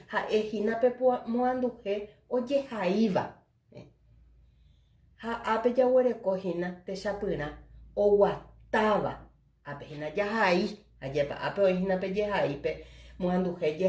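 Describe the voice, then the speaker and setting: Slow Paraguayan woman teacher lecturing. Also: medium pitch, darkish tone, echoey room. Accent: Paraguayan Spanish. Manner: slow didactic, mixing Spanish and Guarani, tag questions. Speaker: university Guarani teacher. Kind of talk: recorded lecture.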